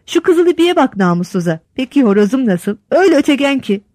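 A woman's voice: high voice, quick pace, no echo, studio quality. A woman voicing a proud, talkative male village instructor who shows off his farm and calls out to his wife, in a read-aloud story. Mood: eager. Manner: excited, shouting to his wife.

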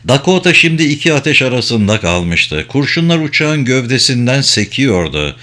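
A man reading an audiobook aloud, narrating in a measured, dramatic way. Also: mid-range voice, sing-song, sharp tone.

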